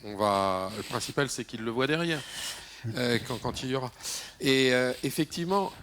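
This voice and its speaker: A man's voice: mid-range voice, normal speed, a bit bright, slight background noise. A man, an elected official, speaking on a conference round-table panel, hesitant with many fillers and restarts, slipping in jokey asides. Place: conference hall.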